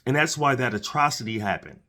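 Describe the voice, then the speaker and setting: A man's voice: mid-range voice, lively intonation, fairly quick, bright, forceful tone. A man hosting a solo commentary show, talking in an earnest, preachy way and often repeating and restarting his words. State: dry mouth, has candy in his mouth. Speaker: podcast host.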